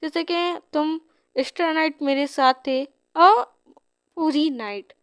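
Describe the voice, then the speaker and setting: A woman doing a young noble heroine, flustered and teasing, high voice, dry close sound, storybook comic retelling. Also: measured pace, a bit bright, no room sound. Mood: urgent.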